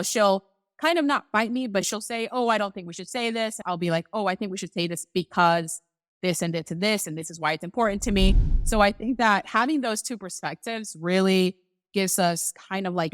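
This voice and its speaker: A woman from the Dominican Republic, a business co-owner, talking quickly and animatedly as an interview guest and often quoting herself. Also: mid-range voice, no echo. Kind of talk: casual conversational interview.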